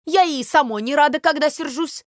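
A woman's voice: sits high, no room sound, clean studio sound, voice pushed up, close to an everyday voice. A woman voicing a hot-tempered pot of milk who huffs and flares up in a storybook reading. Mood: huffy. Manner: huffy, quick to flare.

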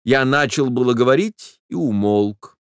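Male narrator, reflective literary reading, emotional first-person storytelling, medium pitch, dry close sound. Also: lively intonation, unhurried, clean tone, dry recording.

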